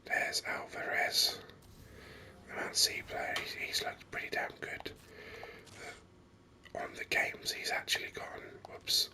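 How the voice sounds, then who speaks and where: In an unhurried, bright and forceful manner, a gaming host offers ASMR commentary as a breathy, unvoiced whisper very close to the mic. The commentary is rambling and hesitant, laid over game screen capture.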